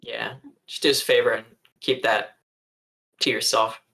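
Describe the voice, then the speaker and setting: Bright, forceful male tabletop player. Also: medium pitch, flat delivery, normal speed, creaky, low-quality recording. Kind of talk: casual improvised role-play chat.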